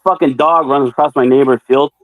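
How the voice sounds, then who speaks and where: A man's voice: medium pitch, steady tone, a little fast, dry recording, rough recording. A man shares blunt, profane anecdotes in casual chat. His voice is mid-range, and the recording is dry and close.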